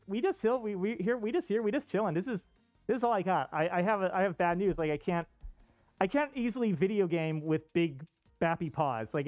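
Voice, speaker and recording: Muffled and dull from inside a fursuit costume head, a livestream host with a mid-range voice chats casually and rambles indoors. The off-costume streaming microphone captures no room sound.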